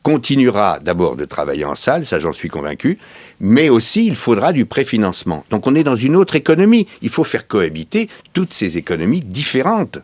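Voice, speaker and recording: A man's voice: medium pitch, big pitch swings, brisk, a little mellow, no room sound. A man from France, a studio guest, giving long, explanatory answers in a radio interview and building his points with everyday comparisons.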